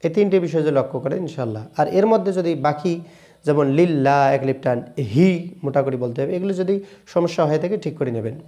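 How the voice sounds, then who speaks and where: A man with a Bangladeshi Bengali accent teaching correct Quran pronunciation, switching between brisk explanations and slow, drawn-out chanted recitation. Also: on the high side, mellow. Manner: alternates quick explanations with slow drawn-out chanted Arabic phrases.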